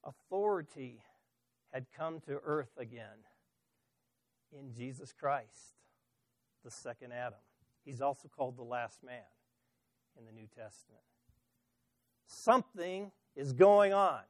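A man preaching a sermon as pastor, swinging from loud emphasis to soft asides and asking the congregation questions. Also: mid-range voice, animated, slow, long pauses, dry recording.

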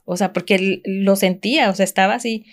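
A woman's voice: mid-range voice, steady tone, brisk. Mexican woman telling a story. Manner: rambling, frequent restarts and fillers. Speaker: podcast guest. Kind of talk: casual conversational storytelling.

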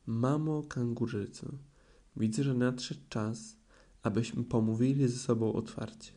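A man voicing a small, timid piglet with a raised, squeaky, fussy voice in a storybook reading. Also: steady tone, measured pace, mellow, natural voice. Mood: anxious. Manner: squeaky, pleading, stammering.

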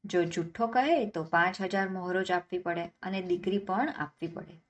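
A woman narrating a traditional folk tale. Her voice sits on the low side, and her delivery stays steady and expressive. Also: moderate pace, muffled recording. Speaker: storyteller.

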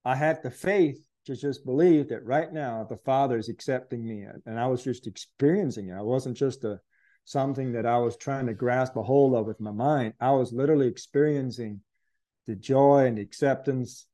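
A man's voice: medium pitch, moderate pace, warm tone. A man earnestly recounting a spiritual experience as an interview guest, reflective and searching for words. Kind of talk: conversational testimony.

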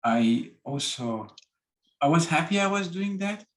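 A man, speaking as an interview guest in halting, phrasing with frequent restarts. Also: on the high side, lively intonation, fairly bright tone. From Iran. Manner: halting, with restarts and non-native grammar. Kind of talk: casual interview talk.

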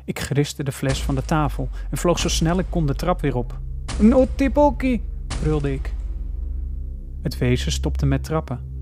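A man reading a horror story aloud slowly and deliberately. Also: a little high, a little mellow. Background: faint music.

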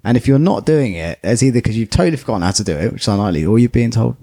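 Male podcast co-host, very low voice, chatty football talk. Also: expressive, rapid-fire, warm tone. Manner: chatty, lots of fillers. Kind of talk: casual football chat.

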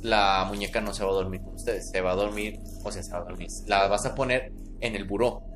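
A man's voice: on the low side, fairly even intonation, a little fast, over music. A man with a Mexican accent, telling a creepy childhood story in casual chat and often checking in with his listener. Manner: tells a spooky tale, checking in with "¿no?" and "¿verdad?". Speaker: podcast storyteller.

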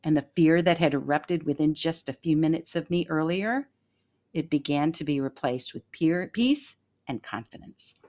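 A low-pitched woman delivers scripted devotional narration. She is calm and measured, weaving a personal story into an earnest message of faith and leaning on key phrases. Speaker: devotional podcast host.

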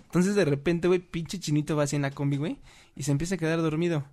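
This young man talks fast in a slightly high voice, his Mexican Spanish accent clear. He's an animated storyteller, chatting casually, dropping slang and laughing throughout.

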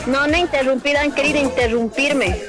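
A woman's voice: sits high, fairly even intonation, brisk. A woman joking on air, denying teasing claims defiantly. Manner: laughing denials, defiant. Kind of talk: joking banter. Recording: loud music and crowd behind.

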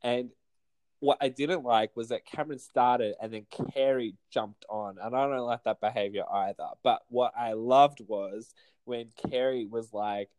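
On a low-quality recording, an Australian podcast co-host chats casually, recapping reality TV with animated gossip and plenty of swearing. His medium-pitched, darkish voice keeps a steady tone and moves a little slowly.

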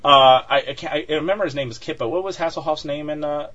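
Speaking fast with a bright, forceful tone and a slightly high voice, a podcast co-host chats casually, often laughing and using plenty of fillers and restarts. The recording has a dull lo-fi quality.

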